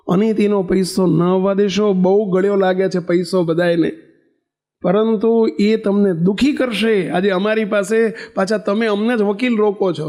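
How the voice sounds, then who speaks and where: A man's voice: high voice, a little mellow. A man giving a sermon as a swami, pleading earnestly and repeating key words for emphasis. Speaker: swami preaching. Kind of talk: sermon with storytelling.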